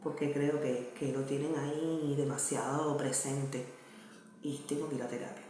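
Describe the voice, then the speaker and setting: A woman's voice: rumbling low, fairly even intonation, moderate pace, mellow. A Cuban woman in her thirties with a Cuban accent, talking earnestly and casually to camera as a vlogger and mother, often checking that the listener follows. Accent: Cuban Spanish. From Cuba. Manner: earnest, conversational, asks "¿me entiendes?". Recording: very echoey room, faint noise.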